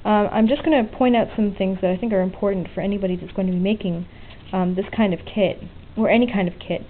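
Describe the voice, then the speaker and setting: A DIY electronics hobbyist, a woman with an ordinary-pitched voice, walks through a casual, unscripted hands-on tutorial, explaining informally and frankly as she works. She speaks fast with fairly even intonation. The thin, phone-like audio with faint noise gives it the feel of a homemade hobby recording.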